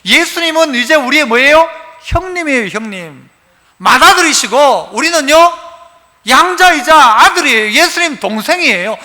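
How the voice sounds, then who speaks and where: A male pastor giving a sermon, animated, asking the congregation questions as he preaches. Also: very high-pitched, moderate pace. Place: church sanctuary. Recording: reverberant church hall.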